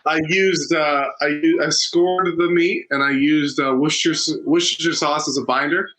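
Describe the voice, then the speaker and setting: A man's voice: fairly high pitch, fairly even intonation, normal speed, a bit bright, low-quality recording. A man co-hosting a casual watch-along podcast, rambling with many fillers and restarts. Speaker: podcast co-host. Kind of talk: casual chat.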